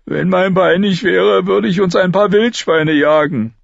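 A man's voice: high voice, fairly even intonation, unhurried, vocal fry, no echo, highs cut off, voice pushed up, full character voice. A man voicing a whining, injured young male thief who keeps complaining. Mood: whiny.

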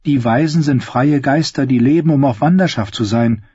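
A man's voice: medium pitch, normal speed, mellow, slightly rough, no room sound, lo-fi sound, voice pushed up, lightly acted. A man voicing a proud, scheming young princess who is imperious one moment and coaxing the next. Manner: imperious, then coaxing and confiding.

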